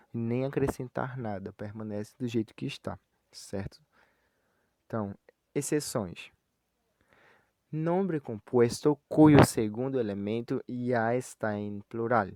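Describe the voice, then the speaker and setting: A man who speaks Portuguese natively, teaching Spanish grammar in a recorded lesson. He slows down to spell out each example and often checks in with "ok?" or "certo?". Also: medium pitch, a little mellow, no echo, clean studio sound.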